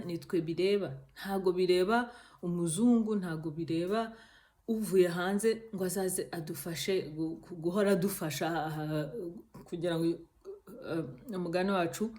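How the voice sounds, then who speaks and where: Talking casually to the camera on her YouTube channel, a Rwandan woman who speaks Kinyarwanda comes across as earnest but hesitant. She has a somewhat low, dark-toned voice and often pauses with fillers.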